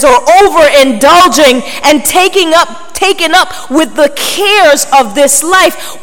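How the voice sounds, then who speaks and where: Speaking to her congregation in a high, somewhat bright voice, a woman preaches emphatically, often prompting them with rhetorical questions. The setting is a large reverberant hall, so the recording is echoey with long reverb.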